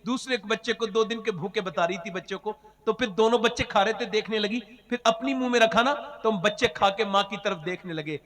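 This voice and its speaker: A man preaching an emotional storytelling sermon, swinging between loud cries and hushed, half-sung lines. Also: high voice, brisk, few pauses, long reverb tail.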